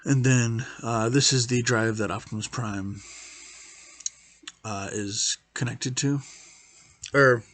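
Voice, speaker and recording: A man's voice: medium pitch, fairly even intonation, takes it slowly, pauses often, a bit bright. A man hosting a toy review channel, giving a casual how-to demonstration at home, rambling with lots of "uh" fillers and self-corrections. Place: home recording studio. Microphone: camera mic, partly a GoPro.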